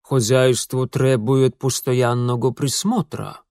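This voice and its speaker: A man voicing a pedantic, thorough German landowner who speaks deliberately. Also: mid-range voice, fairly even intonation, darkish tone, no echo, clean studio sound.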